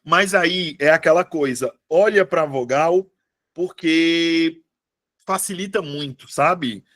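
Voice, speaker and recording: High-voiced, lively Brazilian teacher. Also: male voice, slow, no room sound, clean studio sound. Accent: Brazilian Portuguese. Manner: lively, addresses students by name and as "meus amores". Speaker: Portuguese teacher. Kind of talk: live online exam-prep class.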